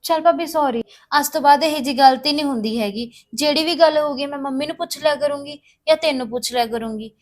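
An actress playing a young sister-in-law who pleads and defends herself. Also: female voice, high-pitched, fast talker, few pauses, lightly acted. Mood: pleading.

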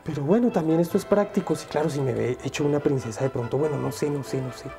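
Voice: quick pace, gravelly, warm tone, faint music behind, natural voice. A narrator doing a whiny, spirited young princess. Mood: fretting. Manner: whiny, indignant, high-pitched.

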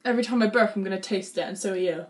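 A woman's voice: mid-range voice, very fast. A young woman vlogging a food challenge, dramatic and giggly. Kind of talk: casual chat.

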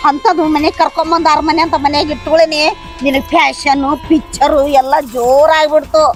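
A woman's voice: high voice, flat delivery, a little fast, soft background music, natural voice. A woman with a North Karnataka accent playing a harsh, scolding stepmother-in-law in a village family drama skit. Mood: scornful. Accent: North Karnataka Kannada. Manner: taunting, scolding.

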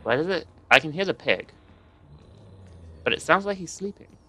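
A man's voice: a little high, animated, normal speed, bright, forceful tone. A young man, nervously commenting and swearing while playing a horror game for viewers. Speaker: gaming video host.

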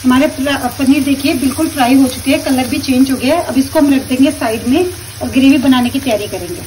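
A woman calmly explaining each step of a recipe while she cooks at her stove at home. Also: sits high, quick pace, far from the mic, background noise. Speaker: home cooking teacher. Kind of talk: step-by-step cooking instruction.

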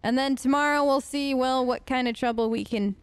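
This is a woman's high-pitched, brisk, smooth voice with no room sound at all. She's hosting a role-play let's play, casually commenting in character as her game persona and musing aloud.

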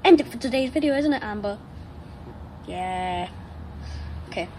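This nine-year-old vlogger has an animated, darkish mid-range voice and a measured pace. The child chats casually and playfully to a pet dog, rambling with affection, from a patio chair outdoors amid noisy ambience.

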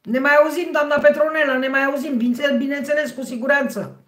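A middle-aged woman with a hoarse, husky voice, hosting a livestream and chatting with her viewers by name. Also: sits high, steady tone. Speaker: livestream host. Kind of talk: casual livestream chat with viewers. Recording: roomy, echoey sound.

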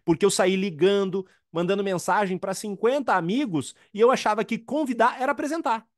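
Brazilian male trainer, high animated voice, punchy repeated points, dry close sound. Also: a little fast, no echo. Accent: Brazilian Portuguese. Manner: emphatic, repeats key points, acts out quoted dialogues. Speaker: network marketing trainer. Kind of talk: motivational training talk.

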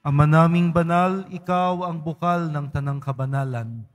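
A man serving as a priest, leading mass prayers in a solemn, measured recitation. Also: a little high, steady tone, soft background music. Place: large church. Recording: long church reverb.

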